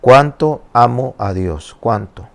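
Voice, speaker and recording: A man's voice: medium pitch, lively intonation, takes it slowly, creaky. An older man, a pastor, preaching a sermon with emphatic, repeated questions and rising exclamations.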